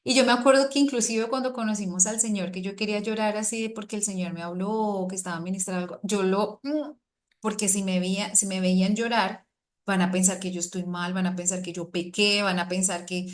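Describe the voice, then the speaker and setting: A middle-aged woman delivers a sermon to a women's group. Her voice sits at an ordinary pitch, and she talks in a lively way, pressing hard on her main points. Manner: lively, rising to animated emphasis when acting out quotes. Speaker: preacher.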